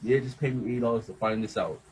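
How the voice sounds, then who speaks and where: Fast-talking low-voiced man telling a story. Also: a little hiss or hum, rough recording. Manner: rambling, animated retelling with lots of swearing and quoted dialogue. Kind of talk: casual storytelling chat.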